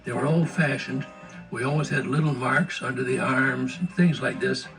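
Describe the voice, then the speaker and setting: Gravelly older man reminiscing. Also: mid-range voice, moderate pace, fairly bright tone. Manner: anecdotal, storytelling. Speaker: former studio animator. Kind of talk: reminiscing interview. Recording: distant mic with music underneath.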